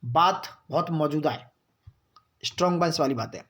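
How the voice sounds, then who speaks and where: A man giving a current-affairs lesson for exam students, reading out points slowly and then explaining them in chatty asides, often checking that his students follow. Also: fairly high pitch, a bit bright. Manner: mixes in English phrases, reads slowly, explains in chatty asides; keeps asking "got it, friends?". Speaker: exam-prep teacher.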